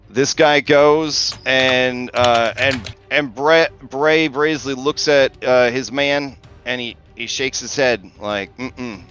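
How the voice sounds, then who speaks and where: Clear-voiced man running a tabletop game. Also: medium pitch, a bit bright, dull audio. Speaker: game master. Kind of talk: casual tabletop game narration.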